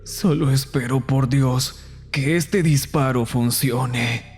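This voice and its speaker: A man voicing a grieving, despairing father who speaks quietly in a horror story. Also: mid-range voice, slow pace, slightly rough, soft background music. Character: grieving, broken middle-aged father.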